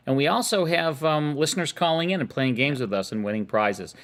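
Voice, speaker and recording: A man's voice: fairly high pitch, a little fast, a bit bright. A middle-aged man, co-hosting a radio show in casual, joking chat. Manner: easygoing, joking, plugging the show.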